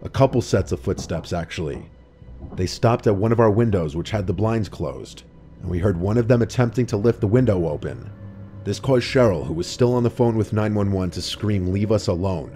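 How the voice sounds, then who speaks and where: A man narrating a first-person horror story in a low, hushed storytelling delivery. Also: normal speed. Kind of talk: scripted narration. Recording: faint music behind the voice.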